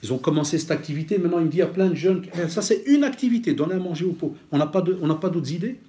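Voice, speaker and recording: A man delivers a lecture-style sermon, his voice mellow and warm rather than bright. He talks like a storyteller, lively and conversational, slipping Arabic expressions into his as he teaches. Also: fairly high pitch, very fast. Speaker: preacher and teacher.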